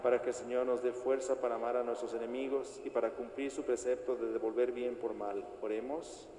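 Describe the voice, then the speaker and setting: Male priest for liturgical prayer, solemn measured delivery, very echoey cathedral-style acoustic. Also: mid-range voice, flat delivery. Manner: solemn, formal, measured recitation. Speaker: priest celebrating Mass. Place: large reverberant church interior. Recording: echoey church hall, long reverb, noisy.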